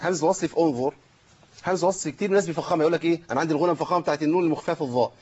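A man's voice: on the high side, rapid-fire, a little mellow, husky, highs cut off. A man with an Egyptian Arabic accent teaching Quran recitation rules, asking questions and answering them himself. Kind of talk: tajweed lesson with recited examples.

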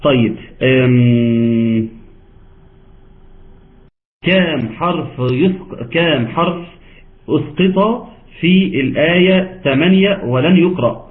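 A man's voice: fairly high pitch, takes it slowly, long pauses. A man with an Egyptian accent teaching Quran recitation in an online class, asking students questions and teasing them patiently. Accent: Egyptian Arabic. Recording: tinny phone-like call audio.

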